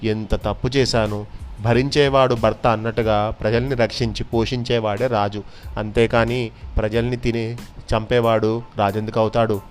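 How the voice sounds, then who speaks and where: A man narrating a children's folk tale in an expressive, unhurried storytelling manner. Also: on the low side, soft background music.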